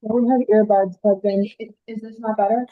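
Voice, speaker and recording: A woman's voice: medium pitch, fairly even intonation, brisk. A woman policy advisor testifying remotely over a video call, hesitant and apologetic, speaking into her laptop microphone. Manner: apologetic, hesitant, restarts often. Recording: muffled lo-fi laptop mic.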